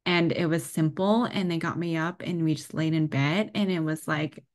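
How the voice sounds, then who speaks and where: A young woman guest on a podcast, telling her birth story in a chatty, animated way, full of "like" and laughter. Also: deep voice, normal speed. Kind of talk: casual birth story told in an interview.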